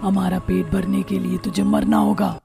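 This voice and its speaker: A woman's voice: mid-range voice, little pitch movement, moderate pace, gravelly, over music. A woman voicing a cruel female witch in a cartoon, bossy and scornful. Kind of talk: cartoon voice acting.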